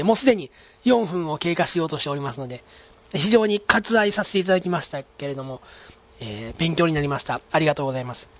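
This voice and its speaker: A man hosting his own solo podcast in a polite, chatty way, full of fillers, reading out a listener's letter. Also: on the high side. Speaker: podcast host.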